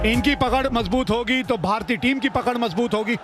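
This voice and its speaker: A man's voice: very high voice, moderate pace, music in the background. A man doing live cricket play-by-play in broadcast style, with an emphatic, rhetorical way of talking. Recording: clear stadium noise behind voice.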